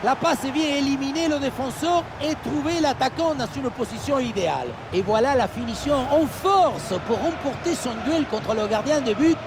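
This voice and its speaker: A man's voice: very high voice, normal speed, hardly any pauses, background noise. An actor playing an admiring male football co-commentator, explaining replays in sports commentary.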